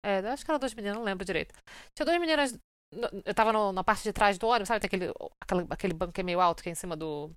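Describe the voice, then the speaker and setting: A woman from Brazil chatting casually and telling lively stories, acting out what people said. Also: medium pitch, rapid-fire, no room sound, clean studio sound. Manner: lively storyteller, acts out quoted lines. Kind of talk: casual chat.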